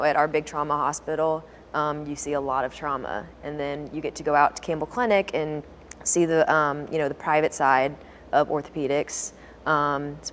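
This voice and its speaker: A young woman from Louisiana, a second-year resident on a panel, relaxed with many fillers. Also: sits low, a little hiss or hum. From Lake Charles, Louisiana. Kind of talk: panel discussion.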